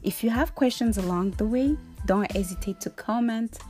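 On her solo podcast, a young woman from Rwanda gives an upbeat, playful motivational talk over soft background music. She speaks at a moderate pace in a slightly high, mellow voice.

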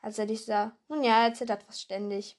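A woman voicing a big, gruff, good-natured male giant in a storybook reading, clipped and blunt. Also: fairly high pitch, steady tone, normal speed, close to an everyday voice. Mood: hearty. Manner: blunt, drops words.

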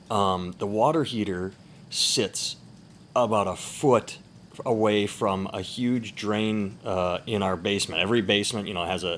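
A man podcasting casually, keeping subdued and quiet at night as he rambles and swears through his stories. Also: on the low side. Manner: subdued, holding back as others sleep nearby; profane, rambling storyteller. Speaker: podcast host. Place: upstairs room at home at night. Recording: clear background noise in room.

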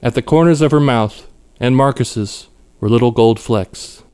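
Male author-narrator, smooth, clear, measured reading. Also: medium pitch. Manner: measured, even storytelling. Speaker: author narrating his story. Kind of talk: scripted narration.

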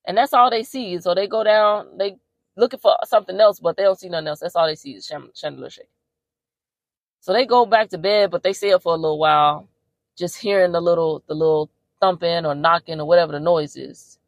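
A woman podcast host giving a casual movie recap, telling it in an animated, slangy way with plenty of profanity. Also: fairly low pitch, brisk, no echo.

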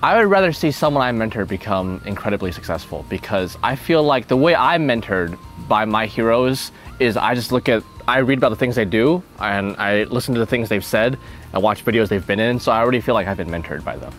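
A young man chatting casually through a game of would-you-rather, his pitch leaping up and down as he jokes. He laughs often and thinks out loud, while faint music plays behind. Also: lively intonation, brisk.

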